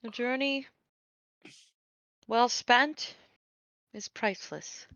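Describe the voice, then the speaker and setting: A woman playing a tabletop role-playing game, musing aloud in an unhurried way and laughing readily. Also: a little high, fairly bright tone, dull audio, slight background noise. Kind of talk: casual play and table chat over voice chat.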